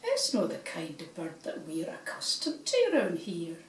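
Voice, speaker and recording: A woman's voice: on the high side, very animated, slow pace, a little mellow, a little hiss or hum. A woman voicing a prim, demure female swan with a Scottish accent. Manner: prim and agreeable. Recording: roomy, from a distance.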